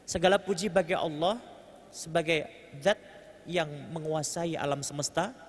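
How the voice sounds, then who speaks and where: Man, Javanese accent, mosque sermon, fairly high voice, long hall reverb. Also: moderate pace. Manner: mixes Javanese phrases, translates Arabic line by line; jokes with the congregation, leads chanting. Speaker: preacher. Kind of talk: mosque sermon with kitab reading. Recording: long hall reverb, faint ambient noise.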